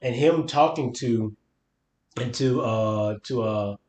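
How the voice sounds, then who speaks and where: A man's voice: mid-range voice, slow, darkish tone. A man co-hosting a podcast, chatting casually about a book and searching for his words as he thinks aloud. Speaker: podcast co-host. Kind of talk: casual book-discussion chat. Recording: roomy echo.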